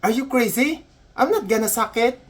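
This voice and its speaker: A man voicing a confused Canadian woman nurse, who answers in slow, puzzled, emphatic English. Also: extremely high pitch, pitched above the performer's own voice.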